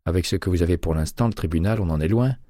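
A man voicing a self-assured former FBI hypnotist who speaks in a measured, firm way. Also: sits low, mellow, no room sound, studio quality. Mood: calm.

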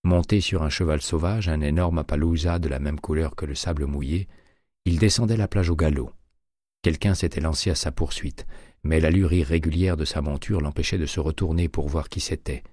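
A man reading a thriller audiobook in a steady, measured voice, recorded close and dry. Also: rumbling low, dry recording. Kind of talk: audiobook narration.

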